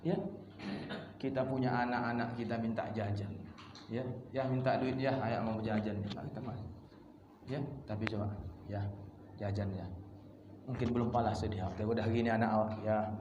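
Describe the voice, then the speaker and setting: A man preaching a sermon to a congregation in a mosque hall, talking in a lively, conversational way and acting out little dialogues as he goes. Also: on the low side, normal speed, long pauses, highs cut off. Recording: echoey hall with background noise.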